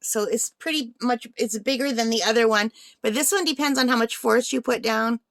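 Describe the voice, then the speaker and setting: In studio-quality audio with no room sound, a woman chats through a craft unboxing, voicing her thoughts as she goes. Her fairly bright, slightly high voice moves fairly quickly, though it sounds tired from feeling a little ill.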